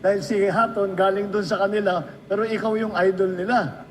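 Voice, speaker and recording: Filipino-accented man, high-pitched, anecdotal tribute speaker with faint background noise. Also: flat delivery, fairly quick, rough recording. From Philippines. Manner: storytelling, addresses the listener directly. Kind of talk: anecdotal speech.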